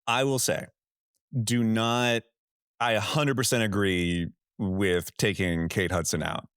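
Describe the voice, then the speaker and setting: Blunt, smooth-voiced podcast man. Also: fairly low pitch, steady tone, slow pace, a bit bright, no echo, studio quality. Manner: blunt, opinionated, profane. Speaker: podcast co-host. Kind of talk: casual film podcast chat.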